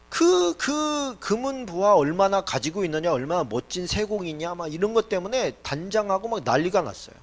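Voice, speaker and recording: A middle-aged man preaching a sermon as pastor, lively and acting out the voices he quotes. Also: on the high side.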